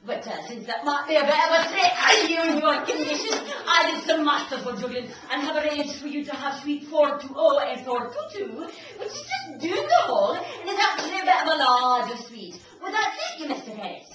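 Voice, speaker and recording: A fawning hotel manager. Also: female voice, high voice, big pitch swings, brisk, hardly any pauses, noisy background. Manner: chatty, fawning, over-polite. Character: fussy polite hotel manager woman. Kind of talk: live stage comedy acting. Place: theater stage. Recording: echoey stage from a distant mic.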